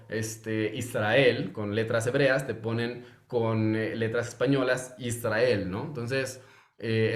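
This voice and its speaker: Man teaching in an echoey room. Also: mid-range voice. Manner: conversational, many fillers and restarts. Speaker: Hebrew course teacher. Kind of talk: informal recorded lecture.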